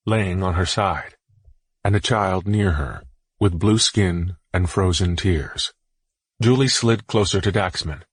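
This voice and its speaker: A man narrating a fantasy audiobook in a steady, measured reading voice. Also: low voice, slightly rough, dry recording. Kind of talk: scripted narration.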